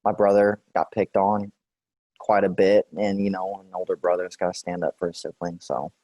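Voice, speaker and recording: Low-pitched man from Texas, forties, hesitant with lots of fillers, dry close sound. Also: moderate pace, no room sound, lo-fi sound. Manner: relaxed, hesitant with many fillers. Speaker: interviewee. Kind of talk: role-play clinical interview.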